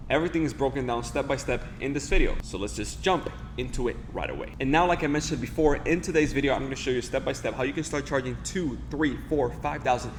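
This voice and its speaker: Against slight background noise, a medium-pitched man in his twenties hosts a relaxed interview and tutorial. Originally from the Dominican Republic and a native Spanish speaker, he rushes along with lots of fillers and restarts.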